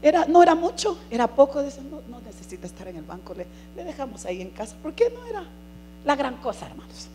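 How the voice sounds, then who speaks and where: A middle-aged woman giving an earnest church testimony, calling listeners brothers and swinging from hushed to emphatic. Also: high voice, very animated, fast talker, noisy background. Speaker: congregation member giving testimony.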